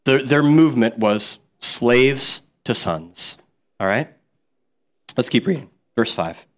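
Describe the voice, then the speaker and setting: A man's voice: medium pitch, animated, takes it slowly. A man in his thirties preaching a sermon as a pastor, casual and conversational, often repeating words for emphasis and acting out quotes.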